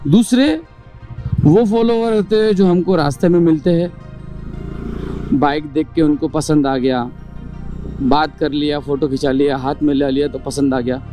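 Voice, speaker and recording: Chatty high-voiced man vlogging. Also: steady tone, moderate pace, pauses often, mellow, faint music behind. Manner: explains in numbered points, mixing English words; chatty, asks rhetorical questions. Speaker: motovlogger. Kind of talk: casual talk to camera.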